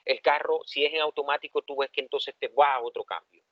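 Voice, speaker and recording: A male engineering professor with a Dominican accent, giving a lively classroom lecture and asking the students questions. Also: on the high side, fairly quick, no room sound. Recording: dull, dry lo-fi classroom recording.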